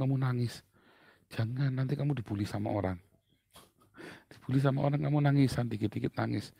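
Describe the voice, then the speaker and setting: A middle-aged man preaching a sermon as a pastor, blunt and animated, joking and laughing with his listeners. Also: mid-range voice, gravelly, slightly rough, no echo, poor audio.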